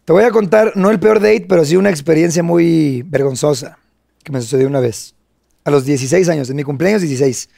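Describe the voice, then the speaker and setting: A man's voice: fairly high pitch, a little fast, vocal fry, dark tone, no echo, clean studio sound. A man in his thirties with a Mexican Spanish accent, co-hosting a casual chat and telling a self-mocking story full of slang. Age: 30s.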